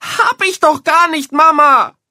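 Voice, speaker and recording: A man voicing an indignant young schoolboy who shouts shrill, outraged denials. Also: slow, dry recording, clean studio sound, heavily acted.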